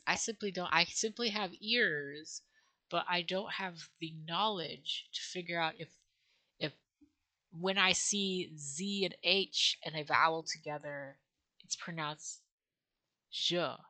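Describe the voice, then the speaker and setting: Taking it slowly, a woman with a lowish, pushed and bright voice works through a new language on camera. In this casual vlog she thinks aloud, sounding out syllables with playful self-mockery.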